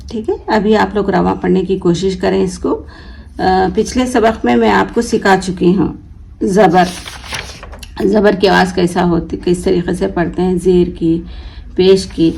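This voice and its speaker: A woman teaching a reading lesson at a slow, unhurried pace. Her voice has a gravelly fry to it. She sounds out letters patiently and asks questions that she then answers herself. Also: medium pitch, fairly even intonation, a little mellow, low-quality recording. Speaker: Urdu teacher.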